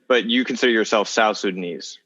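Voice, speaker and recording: A man co-hosting a podcast, asking questions casually and haltingly. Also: lowish voice, bright, forceful tone, breathy edge. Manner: halting, stumbling over questions. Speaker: podcast co-host. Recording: dull audio with long reverb.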